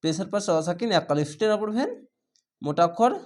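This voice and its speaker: A man teaching Quran reading, spelling out each letter and vowel and then drawing out the recited words slowly. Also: high-pitched, lively intonation, a little mellow.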